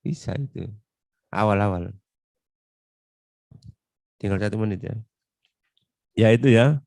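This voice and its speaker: Gravelly East Javanese man lecturing casually. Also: on the low side, a little mellow, dry recording. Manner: chatty, acts out client talk in quick asides. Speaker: law lecturer.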